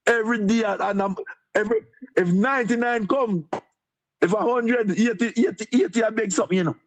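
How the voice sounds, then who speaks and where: High-voiced Jamaican deputy mayor. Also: male voice, a little fast. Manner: repetitive, rambling, chuckles nervously. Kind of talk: interviewed on a live stream.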